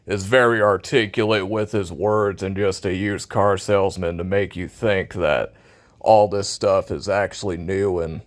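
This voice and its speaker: An American man in a casual, opinionated rant about a video game, blunt, cynical and sarcastic in his complaints. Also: low-pitched.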